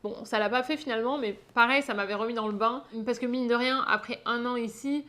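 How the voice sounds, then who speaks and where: A woman's voice: on the high side, steady tone, fairly quick, fairly bright tone. A young woman from France with a French accent, telling her own story to camera in a chatty style, with lots of fillers. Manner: chatty, frequent "euh" fillers. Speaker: vlogger.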